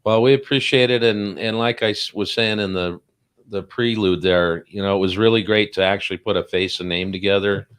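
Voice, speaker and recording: A man's voice: fairly low pitch, steady tone, fairly quick, fairly bright tone, smooth. A man co-hosting a casual interview, chatty and joking, with plenty of fillers and restarts. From Salt Lake City, Utah. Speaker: podcast co-host.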